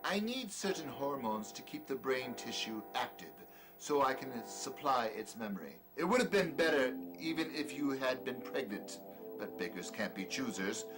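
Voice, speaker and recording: In a horror audio drama, a male actor plays a manic, cruel, grandiose doctor who rants, sneers and lectures grandly, swinging from outbursts to mutters. His natural, mid-range voice moves at normal speed with big pitch swings. The poor-quality audio has music underneath.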